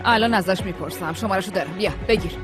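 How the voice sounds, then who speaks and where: A woman's voice: mid-range voice, over music, natural voice. A woman dubbing a scheming woman in a TV drama who claims to be a child's mother, talking in a coaxing, insistent way. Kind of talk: dubbed TV drama.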